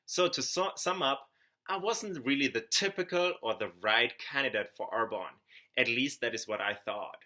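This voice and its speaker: A young man from Germany with a German accent, a network marketing consultant earnestly giving an upbeat sales pitch. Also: animated, moderate pace, sharp tone. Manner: earnest, upbeat, with small slips and restarts. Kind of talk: scripted sales pitch to camera.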